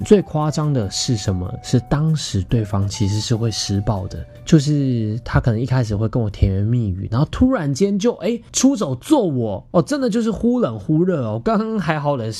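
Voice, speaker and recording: Warm and medium in pitch, the voice belongs to a young man with a Taiwanese Mandarin accent hosting a podcast. Over background guitar music, he tells a personal story in an expressive, conversational style and keeps turning to speak to his listeners.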